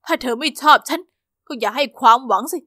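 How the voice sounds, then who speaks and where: A woman voicing a pushy, obsessive teenage boyfriend in an animated storybook, speaking insistently and controllingly. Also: high-pitched, quick pace, no echo, studio quality, pitched below the performer's own voice. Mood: cold, demanding.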